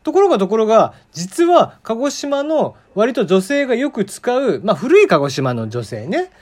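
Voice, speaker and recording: This solo podcast host's voice is high and darkish, with pitch swooping wildly at a normal speed. He's a Kagoshima man in his forties, rambling casually in a radio-style monologue peppered with fillers and chuckles.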